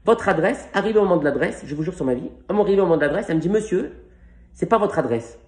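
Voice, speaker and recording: A man in his fifties telling a stand-up story, acting out a phone call in quick back-and-forth. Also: high voice, lively intonation, a little mellow, echoey room. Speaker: stand-up comedian. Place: stage.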